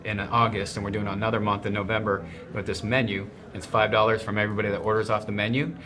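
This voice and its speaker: A man's voice: fairly low pitch, level tone, a crowd in the background. A man, a restaurant owner and chef, chatting as a guest in a casual conversation, enthusiastic and restarting his sentences often. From grew up in snowy region. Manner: enthusiastic, talks in quick bursts with restarts.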